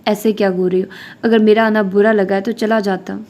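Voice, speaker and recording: A woman's voice: medium pitch, little pitch movement, darkish tone, natural voice. A woman reading the lines of an easygoing young man in an audiobook novel. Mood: breezy. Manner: easygoing, offhand. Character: young man, breezy university visitor.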